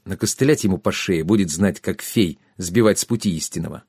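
A man reads a story aloud with an even, storytelling delivery. His voice is dark and mellow, recorded close and dry with no room sound. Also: sits low, brisk, slightly rough, no echo. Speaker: narrator. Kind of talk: audiobook narration.

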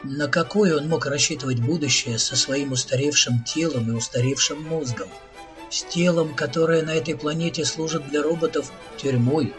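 A man narrating a science fiction audiobook in a measured, even storytelling manner. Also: on the high side, soft background music.

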